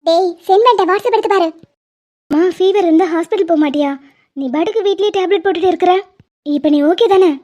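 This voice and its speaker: Brief: a very high, mellow-toned young woman who nags and scolds, lo-fi audio. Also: quick pace. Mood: chiding. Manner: scolding, chiding banter. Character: lively young woman, bossy elder sister. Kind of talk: animated web series dubbing.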